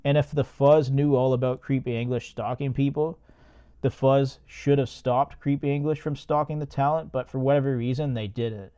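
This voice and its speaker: A man's voice: medium pitch, fairly even intonation, moderate pace, warm tone, clean tone. A man hosting a podcast, recapping and reacting to a movie in a laid-back, profane way. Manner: laid-back, profane, laughs at his own jokes. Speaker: podcast host.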